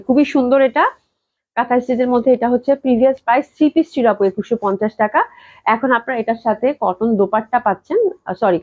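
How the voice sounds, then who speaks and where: Fast-talking woman on a live sale. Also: a little high. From Bangladesh. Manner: chatty, repeats prices, mixes in English phrases; talks slowly on purpose to hold back a cough. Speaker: clothing shop live-sale host. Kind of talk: fast live-stream sales pitch. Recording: dull lo-fi live-stream audio.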